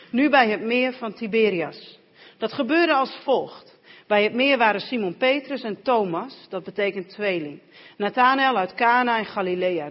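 A woman interpreting a sermon and then reading scripture aloud in a church. Her voice carries a long hall reverb. The recording sounds dull and lo-fi. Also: on the high side.

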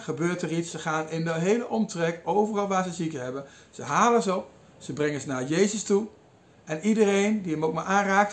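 A man with a high voice delivers a sermon as a retold story. He quotes the figures with lively changes in his delivery and pauses now and then with small hesitations. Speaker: preacher. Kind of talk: sermon retelling a Bible passage.

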